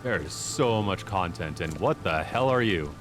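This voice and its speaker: Male game streamer: low voice, casual live chat, game music clearly behind. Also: lively intonation, moderate pace.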